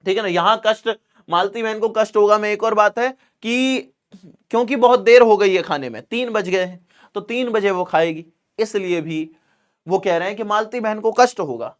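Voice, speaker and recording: A man's voice: sits high, moderate pace. A man teaching a Hindi literature chapter, reading lines aloud and explaining them in a chatty, repetitive way, acting out dialogue. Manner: conversational, repeats lines, calls students beta; acts out quoted dialogue with a raised voice.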